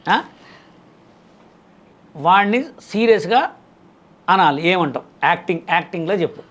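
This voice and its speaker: A man hosting a casual interview, coaxing and directing his guest with brisk prompts. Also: sits high, expressive, fairly bright tone. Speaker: interviewer host.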